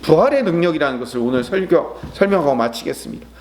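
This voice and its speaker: A man's voice: a little high, expressive, fast talker, darkish tone. A man preaching a sermon as pastor, acting out prayers and quotes, then asking the congregation questions and answering them himself.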